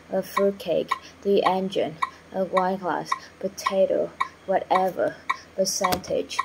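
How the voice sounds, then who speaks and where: A woman's voice: lowish voice, gravelly, very noisy. A woman working through a pronunciation drill, saying single words and short phrases one at a time in a careful, clipped way.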